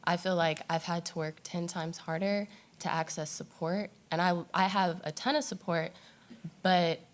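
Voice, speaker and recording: A woman's voice: fairly low pitch, steady tone, moderate pace. A young woman, a student on a panel, speaking earnestly and firmly from personal experience. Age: young adult. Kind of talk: panel discussion.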